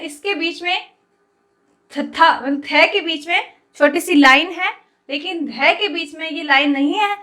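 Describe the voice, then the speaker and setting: A woman's voice: very high voice, sharp tone. A woman teaching a Punjabi script lesson online, patiently explaining each letter step by step as she writes it and addressing viewers as guys.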